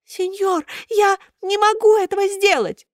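Woman doing a shrill whining wooden puppet boy. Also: fairly even intonation, a little slow, no echo, studio quality. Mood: pleading. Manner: thin plaintive wailing voice.

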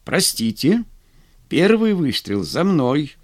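A man's voice: on the high side, very animated, slow, pitched above the performer's own voice, exaggerated voice. A man voicing a cowardly young lieutenant who pleads and stammers. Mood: indignant.

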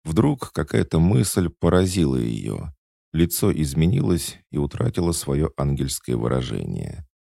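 Audiobook narrator: man, very deep, gravelly, lively intonation, dry close sound. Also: measured pace, no echo. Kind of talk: scripted first-person narration.

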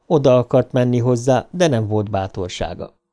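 A male audiobook narrator with a mellow, warm tone. He reads in a measured, even storytelling manner at a middle pitch.

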